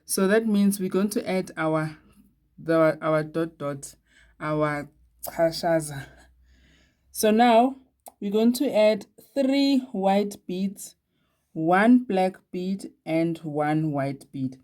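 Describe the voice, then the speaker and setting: A woman from Eswatini hosts a casual beadwork tutorial, chatty and occasionally laughing at herself. Her voice is fairly low and darkish, and she speaks slowly.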